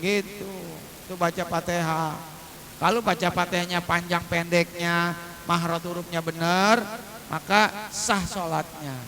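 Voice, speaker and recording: A man preaching a humorous religious lesson, chanting verses slowly to show their pronunciation and joking in colloquial asides to his congregation. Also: sits high, flat delivery, pushed and bright, slight background noise. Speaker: Islamic preacher.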